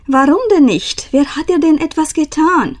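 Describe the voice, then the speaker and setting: A kindly, commanding winter spirit from an old storybook, as a woman reading aloud puts her on. She questions with friendly persistence, her voice lifted high and bright. It sounds gently theatrical. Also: lively intonation, moderate pace.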